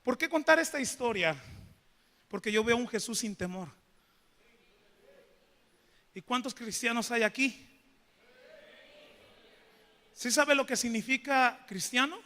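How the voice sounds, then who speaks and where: Brief: preacher, high and bright voice, echoing church hall. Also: male voice, measured pace, long pauses. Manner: questions the congregation, animated preaching. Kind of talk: sermon with storytelling.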